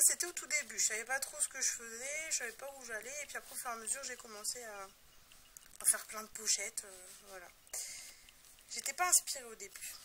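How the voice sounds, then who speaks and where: A woman's voice: on the high side, noisy background. A young woman casually showing her scrapbook album, talking in a rambling, hesitant way with many fillers and self-deprecating asides. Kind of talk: casual show-and-tell narration.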